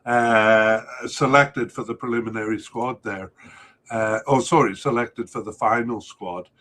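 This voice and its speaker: Man, podcast host, solo soccer preview, sharp bright tone, lots of ums and uhs. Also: on the low side, steady tone, unhurried. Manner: hesitant, many filler sounds.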